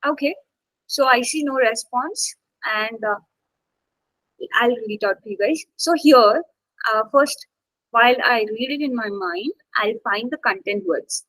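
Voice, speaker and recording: Bright, high-voiced woman teaching online. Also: measured pace, dry recording, rough recording. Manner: checks in constantly with "okay?" and coaxes students to speak. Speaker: English exam instructor. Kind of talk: live online class teaching.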